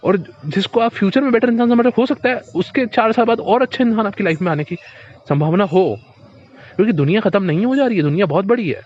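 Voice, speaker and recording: A man's voice: sits high, quick pace. A man speaking as a motivational speaker, giving blunt advice in a casual, direct way, often repeating himself and calling the listener his friend. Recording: dull lo-fi recording.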